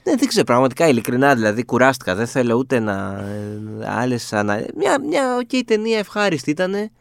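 A man's voice: medium pitch, big pitch swings, creaky, no echo. A man co-hosting a podcast in a small studio, chatting casually with wry, weary exasperation. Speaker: podcast co-host. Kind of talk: casual chat.

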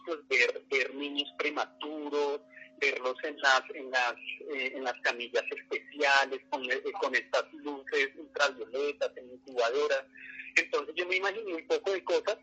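A man recounts his story earnestly, pausing on fillers. His voice is sharp and husky, a little high for a man. He comes through a dull phone line. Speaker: guest, father. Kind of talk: personal storytelling in a radio interview.

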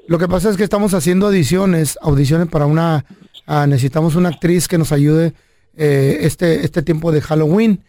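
A man hosting a radio comedy show, making a prank phone call in a deadpan, mock-businesslike manner. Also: a little high, normal speed, no room sound. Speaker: radio prank caller and host.

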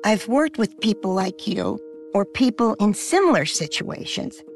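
A woman speaks at a medium pitch as a financial advisor. Her talk is measured and explanatory, with faint music present. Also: very animated.

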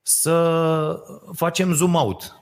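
A man hosts a casual chat in a fairly high, level voice. He's hesitant, filling his speech with fillers and affirmations.

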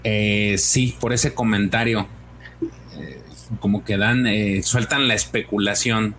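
A man's voice: on the low side, takes it slowly, a bit bright, a little hiss or hum. A man co-hosting a comics podcast, recapping a story in casual chat with many fillers and acted-out lines. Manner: hesitant, many fillers, acts out dialogue.

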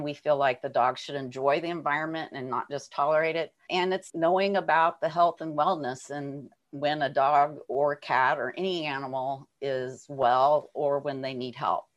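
A woman guest on a radio interview, explaining her work earnestly. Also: deep voice. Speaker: guest, dog business coach.

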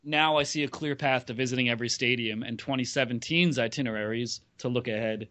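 A man's voice: mid-range voice, quick pace, a bit bright, dry recording. A man in his late thirties chatting on a podcast with a wry, self-deprecating manner. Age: 30s. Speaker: podcast regular, blogger. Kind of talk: casual podcast chat.

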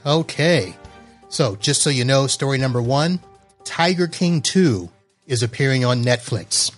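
A man hosts a relaxed podcast in an everyday mid-range voice. He talks in a loose, chatty way and laughs easily. Faint music sits behind him. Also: mid-range voice, unhurried. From Florida. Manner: chatty, laughs while reading. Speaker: podcast host. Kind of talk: casual podcast chat.

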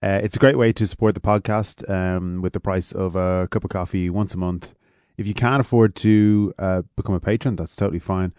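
A man with an Irish accent hosting a podcast in a deadpan comedy interview style. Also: low voice, a little fast, hardly any pauses, smooth, no room sound, clean studio sound. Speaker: podcast host.

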